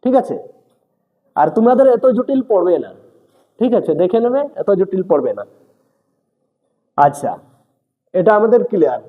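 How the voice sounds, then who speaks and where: A man's voice: sits high, sing-song, moderate pace, long pauses, phone-quality sound. A male teacher giving a grammar lesson, speaking straight to his students and checking again and again that they follow. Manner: speaks directly to students, mixing in English terms. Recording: echoey room with long reverb.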